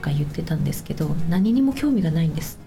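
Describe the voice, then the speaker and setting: A woman's voice: deep voice, sing-song, racing, creaky. A woman host speaking in a polite, conversational interviewing style. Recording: music behind the voice.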